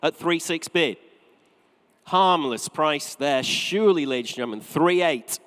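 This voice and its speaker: A man's voice: fairly high pitch, lively intonation, a little slow, a bit bright. A British man working as an auctioneer, calling live bids in formal, repetitive patter with bantering asides. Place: large auction saleroom. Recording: long reverberant hall sound.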